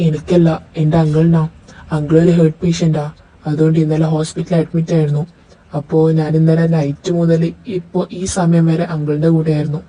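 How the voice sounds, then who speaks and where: A woman voicing a calm, reassuring young man in an amateur audio drama, speaking casually and soothingly. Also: low-pitched, fairly quick, breathy edge, poor audio.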